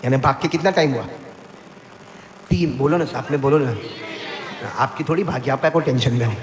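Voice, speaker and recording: An older man giving a religious sermon, telling humorous stories and leading the congregation to repeat prayers after him, with a gravelly voice. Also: medium pitch, normal speed. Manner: humorous storytelling, leads the crowd to repeat prayers. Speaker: preacher. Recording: echoey hall with faint background noise.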